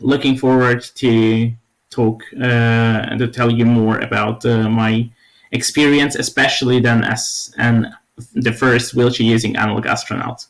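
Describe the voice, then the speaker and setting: A young man from Slovakia, a podcast guest, answering questions in a halting way with many fillers. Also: mid-range voice, level tone, creaky, poor audio. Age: young adult. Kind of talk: casual interview talk.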